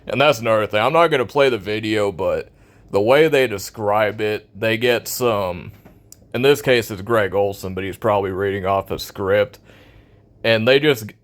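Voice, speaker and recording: A man's voice: on the low side, moderate pace. An American man in a casual, opinionated rant about a video game, blunt, cynical and sarcastic in his complaints.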